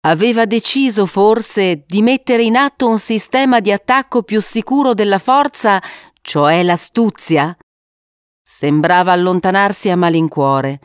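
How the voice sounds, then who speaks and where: A woman narrates an adventure storybook in a measured, expressive way. Her voice is smooth and slightly low. The recording is close and dry. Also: no room sound.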